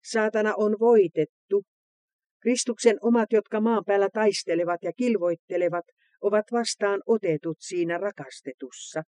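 A man giving a solemn, measured devotional reading, recorded close to the mic. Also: high voice, darkish tone, no echo.

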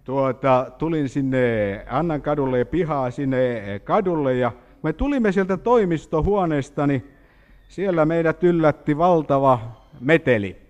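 Lively preacher in reverberant hall. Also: male voice, on the high side, dull audio. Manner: animated storytelling with questions to the congregation. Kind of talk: sermon.

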